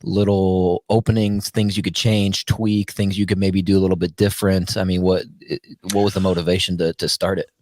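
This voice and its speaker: A hoarse man co-hosts a casual podcast interview, his voice sitting on the low side. He asks rambling, hedging questions, and the sound is dry and close with no room around it. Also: flat delivery, fairly quick, few pauses, a little mellow, no room sound. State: hoarse from illness. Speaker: podcast co-host.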